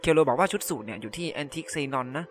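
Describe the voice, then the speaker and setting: A man's voice: medium pitch, lively intonation, fairly quick, a bit bright, soft background music. A man giving casual let's-play commentary. He reads in-game messages aloud and translates them on the fly, in loose, filler-heavy talk full of polite particles. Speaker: gamer translating game text.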